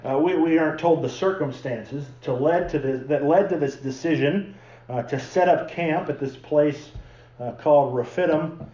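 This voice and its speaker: A man's voice: a little high, moderate pace, warm tone, reverberant, highs cut off. A man preaching a sermon, telling the story in a chatty way and acting out the people in it. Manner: conversational storytelling, acting out the characters. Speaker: pastor. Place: church sanctuary.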